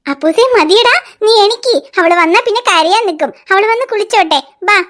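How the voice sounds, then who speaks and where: A woman voicing a young cartoon mother who is patient with her baby and quick to scold the older child. She coaxes in a sing-song voice and turns sharp when she scolds. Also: extremely high pitch, a little hiss or hum. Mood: coaxing. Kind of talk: home-made cartoon voice acting.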